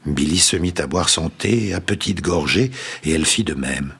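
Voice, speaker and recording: A man reads a story aloud in a very deep, husky voice. His delivery is measured and suspenseful, with a breathy edge. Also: animated, fairly bright tone. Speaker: narrator. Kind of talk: storybook reading.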